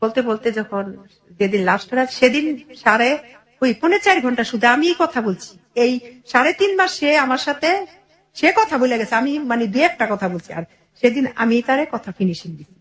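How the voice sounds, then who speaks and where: A middle-aged woman with a Bangladeshi accent and an expressive, high-leaning voice talks at normal speed. She's an interview guest telling her life story in conversation, earnest and detailed, often repeating dialogue.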